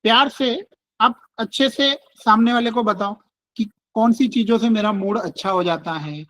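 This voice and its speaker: A man with a high-pitched, slightly bright voice speaks at normal speed on a dry, rough recording. Leading a relationship workshop in an online session with screen sharing, he explains things casually, keeps saying "look" and "okay", and draws on everyday husband-and-wife examples.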